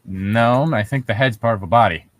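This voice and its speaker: A fairly low-pitched man speaks at a moderate pace with no echo. He co-hosts a casual read-through of internet horror stories, bantering, joking and swearing as he reads aloud.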